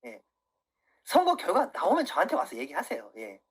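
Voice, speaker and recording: A man's voice: high voice, huge pitch swings, moderate pace, slightly rough. A man in his thirties on a livestream, swearing angrily and lecturing his viewers, keeps asking "예?". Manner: profane, angry, keeps asking "예?". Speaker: political YouTuber. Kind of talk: livestream rant.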